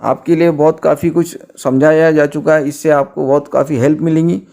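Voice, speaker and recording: A man teaching a grammar lesson, patiently restating the rules and dictating example sentences slowly, word by word. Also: fairly high pitch, fairly even intonation, creaky, dark tone.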